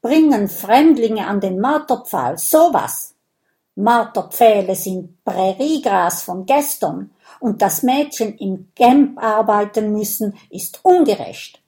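A woman's voice: medium pitch, a little mellow. A woman voicing a spirited young native girl who rants indignantly, in a children's audiobook. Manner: indignant, ranting.

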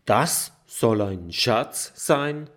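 A man voicing an excitable, indignant female porcupine in a children's storybook. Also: mid-range voice, drawn-out words. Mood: excited.

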